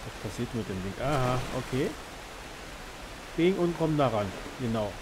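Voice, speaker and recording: A man's voice: mid-range voice, expressive, normal speed. Colloquial man over noisy game sound. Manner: thinking aloud, colloquial, slangy. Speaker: let's play host. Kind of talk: casual gameplay commentary. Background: game ambience.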